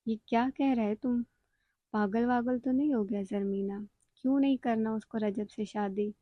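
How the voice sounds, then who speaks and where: A woman voicing a blunt, quick-tempered, loving old grandmother who scolds freely. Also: a little high, fairly even intonation, dry recording, muffled recording, close to an everyday voice. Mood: scolding. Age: older.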